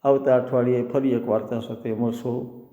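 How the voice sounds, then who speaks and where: A man's voice: mid-range voice, flat delivery, normal speed, mellow. A man telling a children's story, explaining words like a teacher. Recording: echoey room with long reverb.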